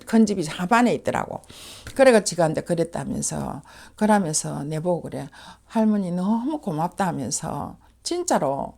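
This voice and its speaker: 경상도 사투리의 걸걸한 여자 무속인. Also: female voice, low-pitched, creaky. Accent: Gyeongsang. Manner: lively storytelling, acting out quoted voices. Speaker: shaman. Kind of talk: casual storytelling.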